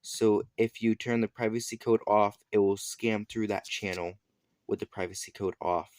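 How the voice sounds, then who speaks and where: A man with a fairly low, darkish voice and fairly even intonation walks through a product review in a casual, unscripted demo. He explains things step by step, a bit haltingly, frequently backing up to fix his wording.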